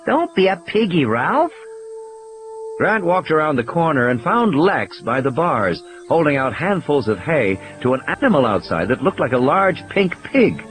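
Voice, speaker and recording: A man with a mid-range voice narrates scripted fiction as an audiobook in a dramatic storytelling style, backed by music and sound effects.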